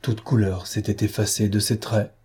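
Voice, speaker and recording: Man, audiobook narration, husky, dark mellow tone. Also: on the low side, little pitch movement, moderate pace. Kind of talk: scripted narration.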